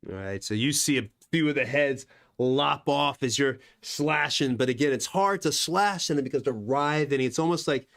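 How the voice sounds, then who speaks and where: A man with a mid-range, slightly bright voice runs a tabletop game as game master, narrating combat and ruling on dice rolls. His casual narration is loose and chatty, full of "you know," at a moderate pace.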